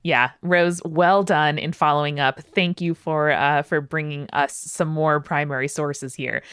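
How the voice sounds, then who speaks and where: A woman's voice: sits low, fairly even intonation, measured pace, fairly bright tone, smooth, no room sound, clean studio sound. A woman co-hosting a podcast, reacting in a wry, playful way with hesitant fillers. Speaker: podcast co-host. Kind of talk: casual podcast chat.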